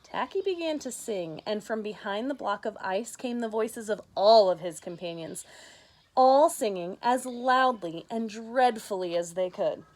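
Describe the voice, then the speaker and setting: Reading a picture book aloud to kids, a woman teacher narrates with animation and chats to her young listeners in asides. Her voice is mid-range and she speaks a little slowly.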